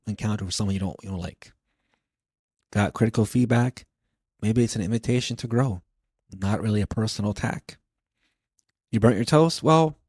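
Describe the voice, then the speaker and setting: A man's voice: lowish voice, darkish tone, husky, no room sound. A man hosting a casual self-help podcast, joking playfully and often restarting his sentences. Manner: playful, jokey, with frequent restarts. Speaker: podcast host.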